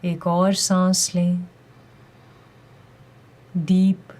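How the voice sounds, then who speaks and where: A woman with a lowish voice guides a meditation, giving calm, gentle, deliberate instructions with pauses between her phrases.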